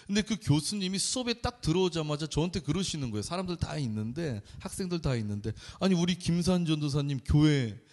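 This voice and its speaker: A male junior pastor preaching a sermon in a chatty storytelling way, animated and often laughing. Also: mid-range voice.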